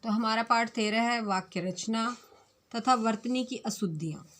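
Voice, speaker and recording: A woman's voice: a little high, a bit bright. A woman teaching a fifth-grade Hindi grammar lesson online, speaking in a patient, repetitive way and carefully correcting words one at a time. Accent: Punjabi. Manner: explains slowly and repeats corrections.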